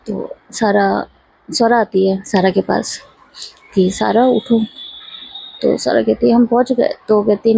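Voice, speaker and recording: A woman casually narrating a story in a relaxed, chatty way, acting out the lines of the people in it. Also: mid-range voice, vocal fry, breathy edge, dry recording, rough recording. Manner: relaxed retelling with quoted dialogue.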